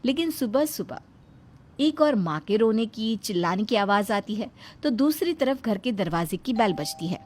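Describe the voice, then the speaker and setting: A woman's voice: mid-range voice, expressive, moderate pace, slight background noise. A woman giving scripted narration for a family drama.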